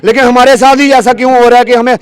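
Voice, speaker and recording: A man from Jammu and Kashmir with a very high voice speaks at a street protest. He is an aggrieved contract worker, pleading and insistent. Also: little pitch movement, fast.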